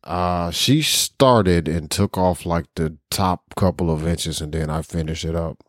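A laid-back man co-hosts a tech podcast and rambles about his day. His voice is very low. The recording is dry and close. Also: measured pace, dry recording. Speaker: podcast co-host. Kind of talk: casual chat.

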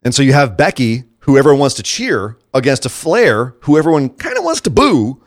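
A man co-hosting a podcast, talking in a casual, animated way about wrestling and laughing easily. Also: mid-range voice, a little fast, no room sound, studio quality. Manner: animated, excitable, breaks into laughs. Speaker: podcast co-host.

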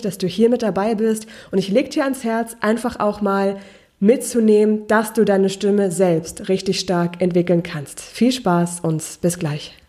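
A woman hosts her own podcast as a voice and speaking coach. She addresses the listener directly and encourages them, and her pitch sits in the middle range. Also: mellow.

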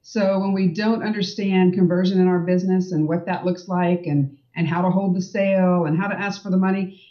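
A woman's voice: fairly low pitch, fairly even intonation, fairly quick. A woman sales coach in a casual interview, explaining confidently with many "you know"s and "right?"s. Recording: distant, dull remote audio.

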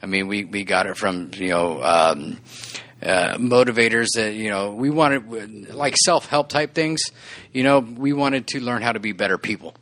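In a lowish, slightly bright voice at normal speed, this man in his forties co-hosts a podcast. The talk is casual and earnest, rambling with restarts and frequent laughter.

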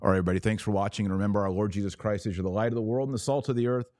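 In a steady tone, a podcast host with a very low, mellow voice offers religious commentary, emphatic and instructive, setting out his phrases deliberately. The recording is close and dry, with no room sound.

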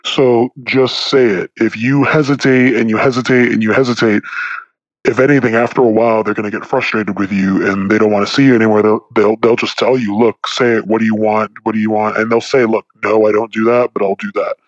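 A man's voice: lowish voice, fairly even intonation, fairly quick, dry recording. A man speaking as a podcast guest with his voice disguised for anonymity, talking frankly and plainly. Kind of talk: casual chat. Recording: dull lo-fi dry sound.

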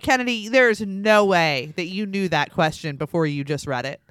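A woman's voice: fairly low pitch, moderate pace, a bit bright, clean tone, no echo, studio quality. A young woman hosting a podcast, chatting casually and rambling with lots of fillers. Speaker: podcast host.

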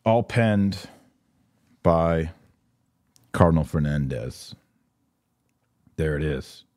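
A middle-aged man hosts a religious commentary podcast on a webcam setup, speaking very slowly in a very deep, darkish, animated voice. Earnest and emphatic, he stresses key words and addresses viewers directly.

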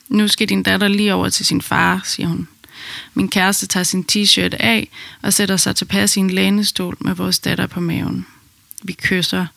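A woman calmly narrating her own birth story in the first person, in an intimate storytelling manner. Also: lowish voice, creaky, no echo.

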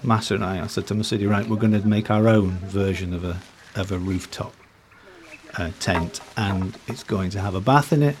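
A man, a safari company founder, chatting as a podcast guest and telling anecdotes in a relaxed, self-deprecating way with frequent restarts. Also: on the low side, normal speed, music in the background. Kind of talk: conversational podcast interview.

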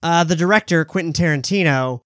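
A man narrating and running a tabletop role-playing game in a relaxed, conversational way. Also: on the high side, dry recording, studio quality. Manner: relaxed, conversational narration with quick voiced asides. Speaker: game master.

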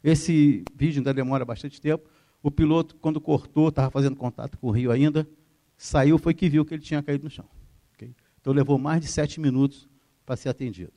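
A man's voice: on the high side, fairly even intonation, fairly quick, dark tone. A middle-aged man, an air force colonel giving a flight-safety lecture, telling stories with acted-out dialogue and often adding "ok?" to his sentences. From Rio de Janeiro. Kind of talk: lecture with anecdotes. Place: university theater.

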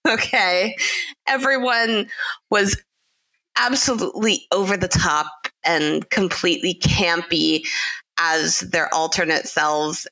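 Lady cohost on a podcast, slow and a bit low, stumbles and restarts a lot. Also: sharp tone. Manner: halting, with many restarts and laughs. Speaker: podcast co-host. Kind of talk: casual chat.

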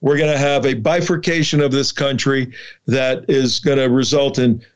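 A man's voice: mid-range voice, fairly even intonation, moderate pace. A man around seventy, a border activist guest, talking emphatically in a rambling interview with many restarts. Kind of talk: conversational interview. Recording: dull lo-fi remote line.

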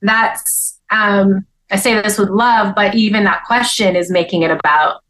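A woman's voice: mid-range voice, steady tone, measured pace, fairly bright tone, poor audio. A woman guest, a speaker and author, talking earnestly about her faith in a casual interview, with frequent restarts.

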